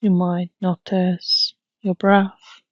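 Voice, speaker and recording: Speaking at a very slow pace and pausing at length between phrases, a woman gently guides listeners through mindfulness meditation. She keeps her pitch level and even throughout, and the sound is dry and a bit dull.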